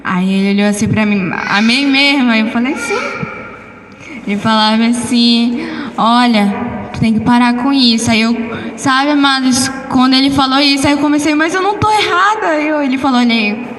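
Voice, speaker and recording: A woman with a Brazilian accent gives a spoken testimony in church, telling her story animatedly and acting out the dialogue. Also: on the high side. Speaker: church member giving testimony. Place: church hall. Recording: echoey church hall with long reverb.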